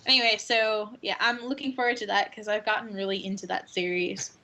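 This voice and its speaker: A woman chatting excitedly about upcoming games on a casual podcast. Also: mid-range voice, fairly quick. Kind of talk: casual gaming chat.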